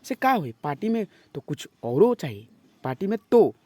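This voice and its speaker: A male teacher leads an exam-prep lesson step by step, repeating phrases, checking in with his students often, and reading example sentences slowly and emphatically. His voice sits high and is very animated and mellow, on a dry recording.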